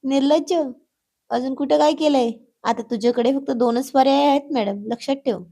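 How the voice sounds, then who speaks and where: A woman's voice: high-pitched, moderate pace, warm tone. Woman voicing a teasing, mock-stern husband. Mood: hushed threat. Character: playful teasing husband, adult man. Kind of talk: acted dialogue in a read story.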